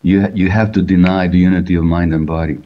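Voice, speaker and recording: An older man who grew up in Hungary, a physician answering interview questions over a video call in a measured, explanatory way, often posing rhetorical questions. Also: low voice, steady tone. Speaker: physician and author. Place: indoor room at home. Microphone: video call webcam. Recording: dull lo-fi video call audio.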